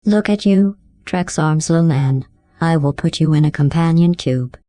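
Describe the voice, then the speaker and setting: A text-to-speech voice imitating a cold female AI, reading chat messages in a synthetic, robotic tone with flat, clipped delivery. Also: deep voice, normal speed, dry recording. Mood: deadpan.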